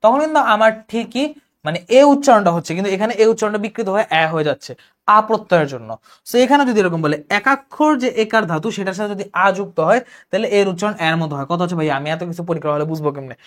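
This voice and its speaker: A young man with a Bangladeshi Bengali accent, teaching an online exam-prep lecture, briskly explaining rules and answering imagined student questions. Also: high voice, animated, fairly bright tone. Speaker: exam tutor.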